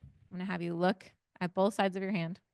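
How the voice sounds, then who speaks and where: A woman with a smooth, clear voice runs an interactive parenting workshop. She keeps firing questions at the group and walks them through little exercises. The sound is dry and close. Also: lowish voice, little pitch movement, fairly quick, a little mellow, dry recording. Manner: engaging, asks the audience many questions. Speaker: parent educator.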